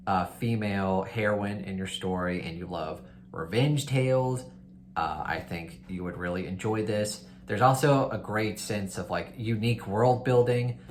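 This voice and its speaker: This man talks to his viewers informally and with real enthusiasm, a book reviewer running a readalong and suggesting titles. His pitch is fairly low, and there's slight background noise.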